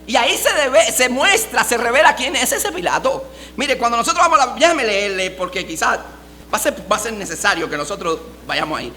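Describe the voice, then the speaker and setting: A man's voice: very high voice, lively intonation, brisk, sharp tone, a little hiss or hum. A male pastor preaching a sermon emphatically, asking rhetorical questions and calling his listeners beloved.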